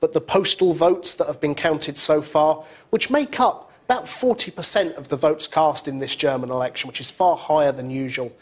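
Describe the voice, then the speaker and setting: A man giving studio political commentary, brisk and explanatory with a scornful edge. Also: a little high.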